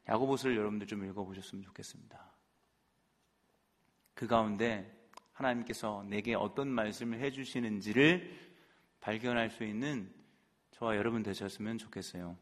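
A man's voice: medium pitch, a bit bright. A man preaching a sermon as pastor, earnestly speaking straight to his congregation. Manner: earnest, addresses the congregation directly. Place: church sanctuary. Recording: long reverb in a large hall, with faint music.

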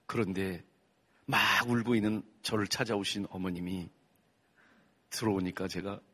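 Husky man preaching an emotional testimony. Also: low voice, steady tone, moderate pace. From Korea. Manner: emotional storytelling with sudden loud outbursts. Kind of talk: sermon testimony.

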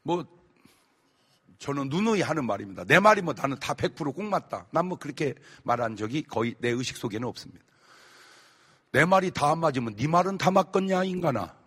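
High-pitched, animated preaching pastor. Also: male voice, a little fast, slightly rough. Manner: animated, shouting, rhetorical questions to the congregation. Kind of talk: sermon. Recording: long church hall reverb.

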